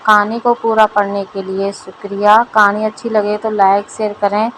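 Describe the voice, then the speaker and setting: Woman reading a storybook, flat and even. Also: medium pitch, moderate pace, slight background noise, low-quality recording. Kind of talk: scripted storybook narration.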